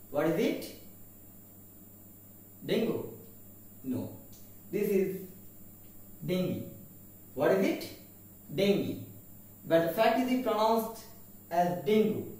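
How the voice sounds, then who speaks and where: Man teaching pronunciation, slow and deliberate, quizzing listeners, heavy room echo from a distant mic. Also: high-pitched, darkish tone. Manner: spells words letter by letter and repeats them; mixes Bengali and English, asks "what is it?". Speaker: English teacher. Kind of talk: pronunciation lesson.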